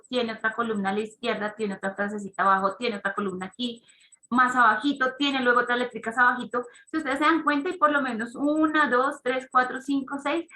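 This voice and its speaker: Bright-voiced woman explaining to parents. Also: sits high, roomy sound, low-quality recording. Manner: conversational, explanatory, asks the audience questions. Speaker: parenting talk speaker. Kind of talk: online parent talk.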